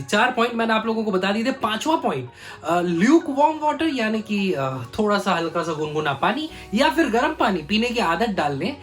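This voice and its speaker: At home indoors, a vlogger chats casually to his phone camera, slipping English phrases into what he says. The man's voice is on the high side with a fairly bright tone.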